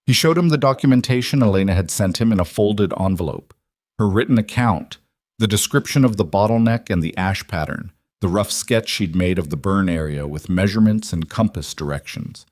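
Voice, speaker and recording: A man narrating a scripted western story in a steady, unhurried way. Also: low-pitched, no room sound, studio quality.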